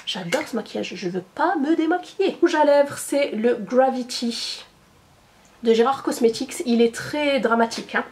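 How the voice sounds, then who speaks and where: A woman's voice: on the high side, slight background noise. A woman chatting casually to her followers as a beauty and lifestyle vlogger. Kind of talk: casual vlog chat to followers.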